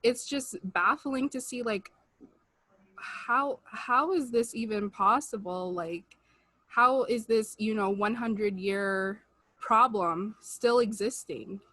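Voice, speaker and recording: A young American woman co-hosts a podcast from a room in her home, chatting casually but earnestly over a video call picked up by her webcam mic. Her voice sits on the high side, slow, bright and forceful, in a dry recording. Her feeling rises as she talks, with plenty of "like" and "you know."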